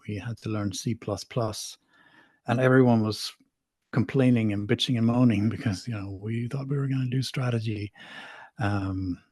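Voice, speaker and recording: Middle-aged man from Sweden, low-pitched, rambling guest talk, dry close sound. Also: dark tone, no echo. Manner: rambling, self-deprecating, frequent restarts. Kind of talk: casual interview talk.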